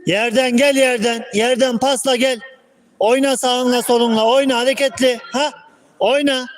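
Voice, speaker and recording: A man coaching young football players from the sideline, calling out terse commands and quick praise. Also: very high voice, fairly even intonation. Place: outdoor football pitch.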